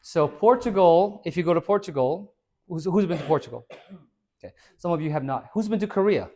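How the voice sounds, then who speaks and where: Indoors at a hair and skin salon, a male fitness trainer gives an informal, energetic talk to a small audience in a slightly high, brisk voice. He quizzes listeners and tags many points with "right?".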